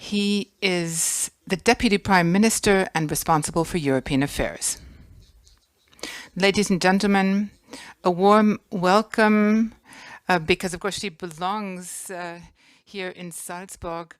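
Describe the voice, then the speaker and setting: Woman hosting a conference, low-ish voice, formal and gracious, pretty dry sound. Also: clean tone, no echo. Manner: gracious, formal, listing guests with pauses. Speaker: conference host. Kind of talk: formal welcome speech. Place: conference hall.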